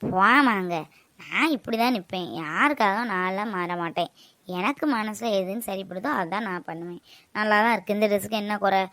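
A woman's voice: fairly quick, no echo, natural voice. A woman voicing a young headstrong but loving daughter about to marry, with a raised, pleading voice. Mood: defiant. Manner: pleading, high and bright.

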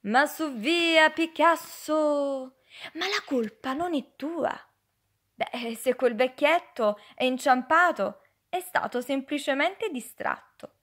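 A woman playing the sea in a children's storybook, kind and wise, high-voiced and unhurried, gently coaxing a sad little friend along. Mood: soothing. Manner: soothing, slow, coaxing.

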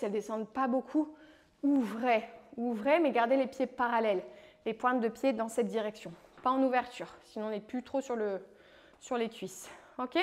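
A high-voiced woman from France leads a home leg workout as a fitness coach. She calls out moves, counts down reps and keeps the session light with playful encouragement. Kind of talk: guided home workout instruction.

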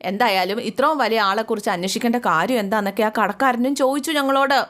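A woman's voice: fairly high pitch, fast. Chatty woman retelling a serial. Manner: chatty, lively, voices each character's lines in turn. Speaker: serial recap narrator. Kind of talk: casual storytelling recap with acted quotes.

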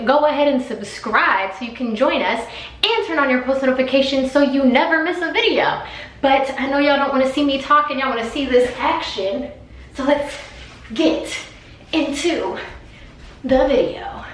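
A woman's voice: high voice, normal speed. A young woman hosting a casual prank vlog, playful and teasing, with a slangy way of talking. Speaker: vlog host. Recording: echoey room, off-mic, light music.

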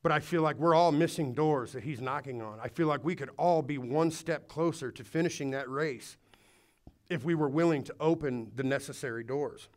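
Addressing the congregation in a church hall, a male pastor gives an earnest, urging sermon at a moderate pace, now and then restarting. His voice leans high.

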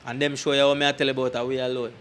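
Racing along with a flat delivery, this man's mid-range, slightly bright voice carries a Jamaican accent. A dancer interviewed about his tours, he tells casual, emphatic anecdotes in patois into a handheld microphone and often checks that the listener follows. Background noise and ambience are clear.

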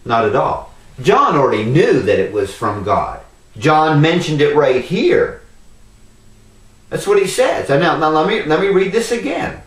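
A man gives a Bible lesson as a preacher, his pitch rising and falling with lively emphasis. He reads the verses aloud and turns to his listeners as folks. The voice sounds off-mic in an echoing room. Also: measured pace, recorded from a distance.

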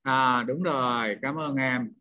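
A man's voice: medium pitch, slow, sharp tone. Male teacher, lo-fi. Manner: questioning students, repeats points. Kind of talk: online class lecture. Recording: dull lo-fi sound.

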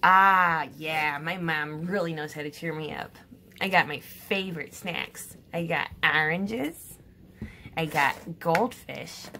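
A woman chatting to viewers in a comedic art vlog, playful and jokey, with drawn-out exasperated sighs. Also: low voice, fairly bright tone, slight background noise. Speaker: art vlogger.

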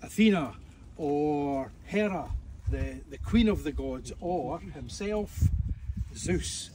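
Taking his time, a Scottish evangelist with a fairly high, expressive voice speaks to tourists at ancient outdoor ruins. He preaches in a loose, joking style with plenty of fillers, captured by a faraway mic amid soft background noise.

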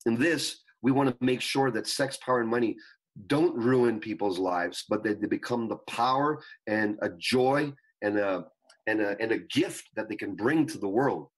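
A man speaking as a spiritual guru and coach in an interview, teaching earnestly in measured phrases. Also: lowish voice, rough recording. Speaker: spiritual coach and retreat leader, guest. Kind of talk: interview talk, explaining teachings.

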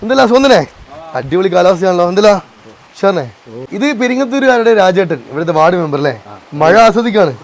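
A man's voice: sits high, animated, fast, gravelly. A man with a north Kerala Malayalam accent, chatting casually as a vlog host, mixing in English slang and talking familiarly to viewers and locals. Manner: colloquial, with English slang words mixed in. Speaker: vlogger, host. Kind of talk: casual excited vlog chat with questions to locals. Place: outdoors by a river and in a boat.

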